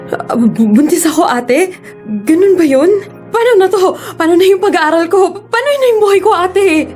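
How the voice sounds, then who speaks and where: A very high-voiced young woman student, played by an actress, emotional and tearful in a radio-style audio drama. She swings between indignation and distress, with faint music underneath. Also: brisk, darkish tone. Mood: crying. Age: young adult. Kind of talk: Tagalog audio drama acting.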